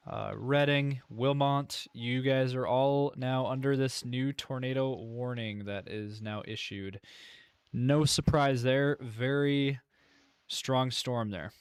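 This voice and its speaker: A man's voice: medium pitch, clean tone, no echo, studio quality. A man hosting live severe weather coverage, commenting with concern and repeating key points. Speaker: severe weather livestream host.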